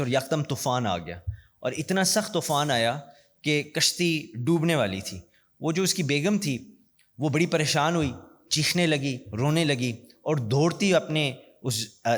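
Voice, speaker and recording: Earnest guy giving a speech, fairly high voice, big hall with long echo. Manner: earnest storytelling, slows for emphasis. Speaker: guest speaker. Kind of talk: inspirational speech mixing in English. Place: large university hall.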